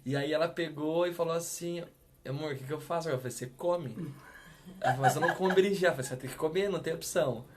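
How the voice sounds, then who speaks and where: A man's voice: a little high, fast, background noise. A man in his thirties, a pastor, telling stories in a casual, direct chat. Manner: storytelling, animated and direct.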